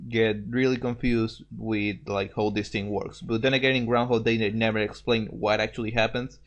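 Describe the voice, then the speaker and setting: A man's voice: fairly low pitch, fairly even intonation, moderate pace. A man co-hosting a casual podcast chat, rambling along with restarts, repeated words and offhand swearing. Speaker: podcast co-host discussing a fanfic reading.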